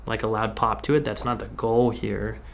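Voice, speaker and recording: In an indoor treatment room, a chiropractor chats reassuringly with a patient, explaining what he's doing while he works. His voice sits a bit low, with fairly steady intonation and a normal pace. Background noise is clear, just the ambience of the treatment room.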